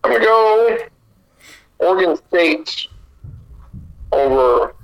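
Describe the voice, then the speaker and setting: Male co-host, a touch higher-pitched, opinionated casual sports talk. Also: very animated, takes it slowly, creaky, fairly bright tone, rough recording. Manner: opinionated, talks in long runs. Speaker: podcast co-host.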